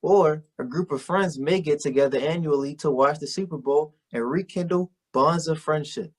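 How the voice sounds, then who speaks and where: A man's voice: on the high side, moderate pace, natural voice. A man voicing an earnest young college-student puppet, reading a scripted educational report for children in a presentational way. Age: young adult. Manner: earnest, presentational read-aloud.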